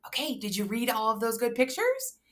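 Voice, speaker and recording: A woman's voice: on the high side, sing-song. A woman with an encouraging kindergarten teacher voice, leading a phonics lesson and putting questions straight to young children in an exaggerated way. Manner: talks directly to the child listener, posing questions with pauses. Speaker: early reading teacher.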